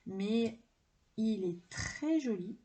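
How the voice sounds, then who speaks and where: A woman's voice: a little high, expressive, very slow, mellow, slight background noise. A woman chatting casually to camera, enthusiastic and rambling with many fillers as she shows her card deck collection. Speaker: tarot and oracle deck collector showing her decks.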